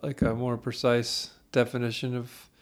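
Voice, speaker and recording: A man's voice: mid-range voice, flat delivery, normal speed. A man co-hosting a podcast in casual chat, rambling from one tangent to the next. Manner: rambling, meandering storyteller. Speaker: podcast co-host.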